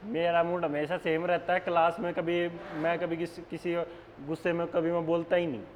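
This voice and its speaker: Man, Haryanvi accent, young adult teacher, chatty and joking, higher voice, reverberant classroom with faint noise. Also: little pitch movement, normal speed. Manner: joking, chatty, addresses students as beta. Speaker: nursing exam coaching teacher. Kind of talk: classroom lecture with casual banter. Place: classroom with online students.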